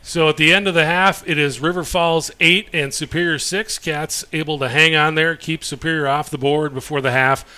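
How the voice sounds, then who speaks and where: A man calling a high school football game play-by-play in a relaxed, chatty way that lifts with the action. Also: moderate pace, hardly any pauses, clear, resonant tone. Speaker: play-by-play announcer. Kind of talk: live sports commentary.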